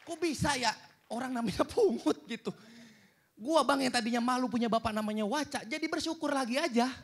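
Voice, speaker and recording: A young man works a stand-up set on a cinema stage, and his voice sits notably high for a man. He tells his stories with animated energy and acts out every quoted line. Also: fairly quick. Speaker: stand-up comedian. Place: cinema stage with a live audience.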